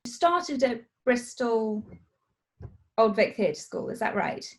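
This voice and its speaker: Higher-voiced woman host, friendly. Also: animated. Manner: friendly, responsive, quick to laugh along. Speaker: podcast host. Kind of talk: casual interview chat.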